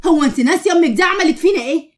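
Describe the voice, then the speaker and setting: Bitter young egyptian wife, sharp and dismissive, high quick voice, a woman doing her. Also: lively intonation. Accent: Egyptian Arabic. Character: bitter, harsh young married daughter.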